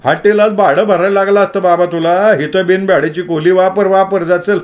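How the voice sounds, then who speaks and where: A man's voice: sits high, moderate pace, voice pushed up, close to an everyday voice. A man voicing an older male police constable who answers with sarcasm and curt orders. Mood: mocking.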